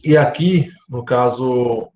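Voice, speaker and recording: A Brazilian man lecturing architecture students online, explaining step by step and often checking in with his class, his voice going hoarse. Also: medium pitch, slow pace, darkish tone, roomy sound, slight background noise. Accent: Brazilian Portuguese. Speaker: university lecturer.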